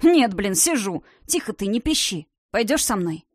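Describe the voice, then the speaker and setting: A woman's voice: medium pitch, big pitch swings, moderate pace, no room sound, clean studio sound. A woman voicing a cocky, mocking young man who talks in crude slang, in an audiobook. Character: cocky, mocking young male street tough.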